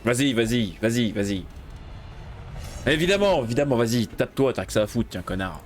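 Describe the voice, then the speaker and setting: A gaming video creator with an expressive, medium-pitched voice briskly commentates his own run in casual let's play style. When things go wrong he swears loudly in frustration, then mutters to himself while planning.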